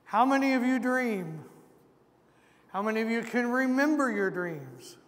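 Male pastor, high-pitched, unhurried, preaching with asides in a reverberant sanctuary. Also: sing-song, a bit bright. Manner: slow, deliberate preaching with asides. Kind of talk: sermon. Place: large church sanctuary. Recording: long church reverb.

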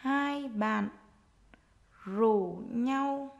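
A woman with a fairly high voice is dictating to young schoolchildren. She goes extremely slowly, giving a few words at a time and repeating them as a teacher does in a writing lesson. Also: creaky, dull audio. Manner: dictating short phrases slowly, word by word, repeating each.

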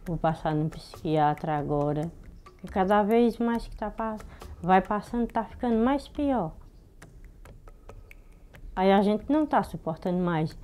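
Middle-aged woman, low and weary, halting testimony. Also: a little mellow, clear, resonant tone. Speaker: local resident. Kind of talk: interview testimony.

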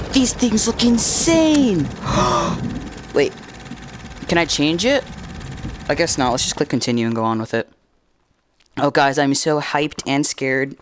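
A young man gives casual gaming commentary in an excitable, jumpy way, yelping when startled. His voice sits at a middle pitch. Game music plays clearly behind him. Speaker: gaming channel host.

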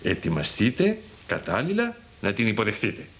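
A man with a Cypriot Greek accent playing a lazy, easygoing father who loves fishing, grumbling in a deadpan way. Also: fairly low pitch, a little hiss or hum, exaggerated voice. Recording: sitcom audio with music underneath.

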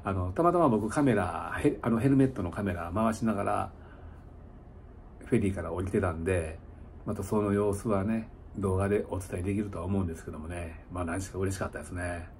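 Middle-aged kansai guy, kinda tipsy, lowish voice, rambly vlog chat in a noisy little room. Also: fairly quick, a little mellow. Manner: rambling, chuckling, conversational asides. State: slightly tipsy after an hour of drinking. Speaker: motorcycle touring vlogger. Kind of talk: casual livestream-style chat to viewers. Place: small indoor lodging room. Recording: noticeable background room noise.

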